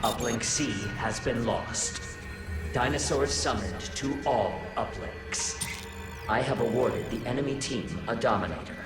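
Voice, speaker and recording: A man's voice: medium pitch, animated, a little slow, close to an everyday voice. A man voicing a commanding artificial intelligence in a video game, giving formal, detached, procedural announcements. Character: cool, commanding male artificial intelligence overseeing a war game. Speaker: match announcer. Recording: echoey, distant, under loud game music.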